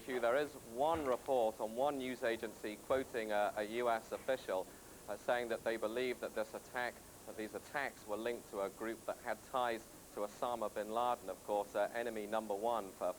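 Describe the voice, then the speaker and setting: A British man working as a news correspondent, giving live analysis in careful, halting phrases. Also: fairly low pitch. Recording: slightly noisy VHS broadcast rip.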